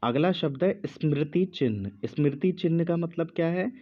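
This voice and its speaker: Guy giving a slow spelling dictation, repeats every word, kinda dull audio. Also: a little high, animated. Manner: speaks slowly with pauses, repeats each word. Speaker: Hindi teacher.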